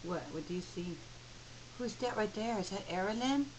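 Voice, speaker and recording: A woman's voice: medium pitch, animated, normal speed, a little mellow, slight background noise, low-quality recording. A mother in a home video, coaxing her toddler with repeated sing-song prompts. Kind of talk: home video baby talk.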